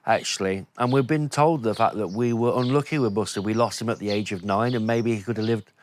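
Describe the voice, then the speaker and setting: A man with a head cold, talking with a nasal voice in a relaxed, rambling vlog. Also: lowish voice, fairly quick, a little hiss or hum. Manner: relaxed, rambling with many fillers. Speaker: vlogger. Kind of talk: casual vlog to camera.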